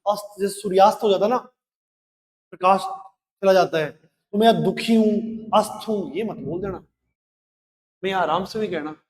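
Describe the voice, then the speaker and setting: A man's voice: sits high, moderate pace, long pauses, a little mellow, long reverb tail. A male Hindi teacher in a live class. He recites lines of a poem and then explains each one, asking rhetorical questions as he goes.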